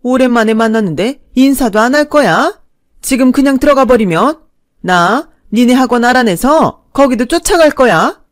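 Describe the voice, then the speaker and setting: A woman voicing a pushy, shameless older stepmother-in-law who nags and wails loudly. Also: fairly high pitch, animated, normal speed, dry recording, clean studio sound, lightly acted. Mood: scolding. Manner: loud, wailing, nagging.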